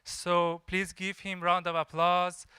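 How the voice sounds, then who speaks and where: A man hosting a live event and introducing speakers in a halting, hesitant way with pauses. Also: high voice, completely flat delivery, sharp tone, slight background noise.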